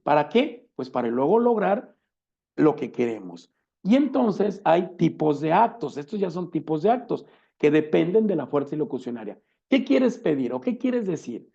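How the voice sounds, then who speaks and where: A man's voice: fairly high pitch, creaky, mellow. A man lecturing on law, explaining step by step, asking rhetorical questions and repeating key words. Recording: dull lo-fi recording.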